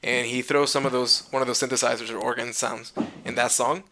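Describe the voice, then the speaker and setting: Bright-voiced man rambling about music. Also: medium pitch, flat delivery, a little fast. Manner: rambling, many fillers and restarts. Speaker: podcast co-host. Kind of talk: casual music chat.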